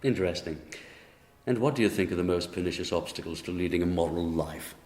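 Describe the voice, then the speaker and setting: Low, echoing Angel Gabriel, officious man acting. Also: a little mellow, lightly acted. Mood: measured. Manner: formal, measured, bureaucratic. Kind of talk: radio drama acting. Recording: roomy echo, faint noise.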